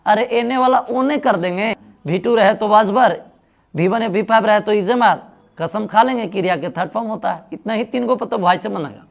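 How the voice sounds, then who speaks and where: A man's voice: high voice, moderate pace, vocal fry. Bihari-accented male grammar teacher quizzing the class. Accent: Bihari Hindi. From India. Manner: asks the class questions and answers them himself. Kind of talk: classroom lesson.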